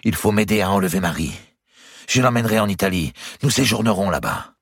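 A man voicing an impassioned young man in love, pleading and high-strung in a storybook reading. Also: expressive, fairly quick, no room sound, studio quality.

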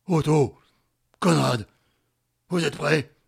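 A furious villain in a radio play, barking short, harsh commands at his men. His voice sits low and rough, with a raspy edge. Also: takes it slowly, full character voice. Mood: commanding. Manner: barking orders.

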